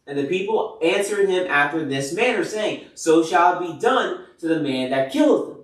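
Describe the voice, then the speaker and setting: A man's voice: a little high, animated, normal speed. A man reading Bible passages aloud and retelling them in loose, casual words full of fillers like "like" and "you know". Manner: reads scripture then paraphrases loosely with many fillers. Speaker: Bible reader. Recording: echoey room from far off the mic.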